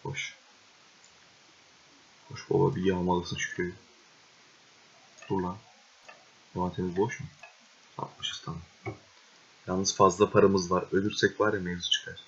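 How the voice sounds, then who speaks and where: A young man giving casual gameplay commentary, swearing and exasperated, with excitable outbursts. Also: sits low, a little slow, long pauses, husky. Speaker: gaming video host. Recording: dull lo-fi recording.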